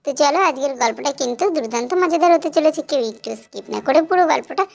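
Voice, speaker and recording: A woman's voice: sits high, quick pace, creaky. A woman opening a doll cartoon channel with a cheerful, inviting scripted intro. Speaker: channel host. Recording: loud background noise.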